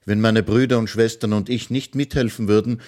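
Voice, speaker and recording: Storybook working boy, earnest, quicker, higher, man reading. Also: fairly even intonation, a little mellow, lightly acted. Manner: earnest, hurried in places. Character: hardworking young boy, earnest.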